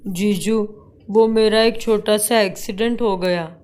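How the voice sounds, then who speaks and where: A woman's voice: medium pitch, steady tone, unhurried, a little mellow, lightly acted. A woman voicing an apologetic young brother-in-law in a cartoon story, pleading.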